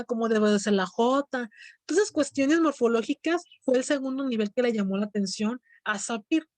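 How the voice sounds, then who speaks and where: A woman's voice: on the high side, darkish tone, no room sound. Mexican woman teacher giving a lecture. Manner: explanatory, asks students questions. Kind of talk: classroom lecture.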